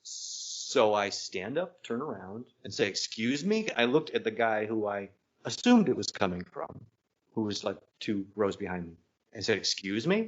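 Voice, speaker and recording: A man's voice: lowish voice, moderate pace. Man telling a story, dull lo-fi sound. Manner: animated, self-interrupting anecdote telling. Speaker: podcast co-host. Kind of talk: casual storytelling.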